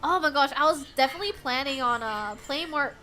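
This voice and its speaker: This young streamer from the United States talks fairly quickly in a high-sitting voice, chatting casually with her chat as she games. Giggles and frequent bursts of laughter keep her animated throughout, with faint game music behind her.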